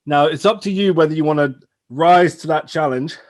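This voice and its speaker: A man's voice: a little high, fairly quick. A man chatting casually as the host and interviewer. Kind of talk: casual chat.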